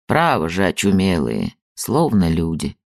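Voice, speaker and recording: A man reading an audiobook, voicing a blunt, folksy old rural father who lectures the young. The lines swing from low and grumbling to high and lively, with a dry, close sound. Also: a little slow, creaky, dry recording, exaggerated voice. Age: older. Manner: folksy, lecturing, plain-spoken.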